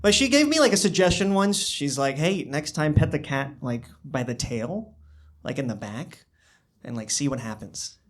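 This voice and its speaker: Raised in the US after being born in China, a young man does stand-up in a small club using a handheld stage microphone. He speaks in a slightly high, expressive voice, with a dry, understated style and halting restarts.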